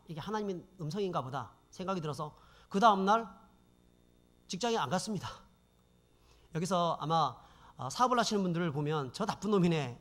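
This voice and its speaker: A man's voice: high voice, a bit bright. A man preaching a sermon testimony, telling his story dramatically and addressing the congregation. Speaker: pastor.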